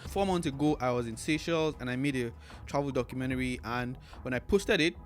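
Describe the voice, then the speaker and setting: A man's voice: medium pitch, fairly quick, soft background music. A man, a travel vlogger earnestly telling his own experience in a casual, conversational way. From Nigeria. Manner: earnest, conversational, fond of "like" and "you know". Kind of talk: casual personal storytelling to camera.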